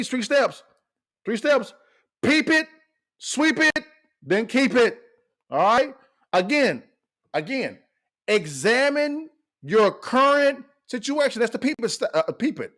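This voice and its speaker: A male podcast host delivering impassioned commentary in a high voice. His pitch leaps and dips constantly. He circles back to the same pointed questions again and again. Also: big pitch swings, unhurried, a bit bright.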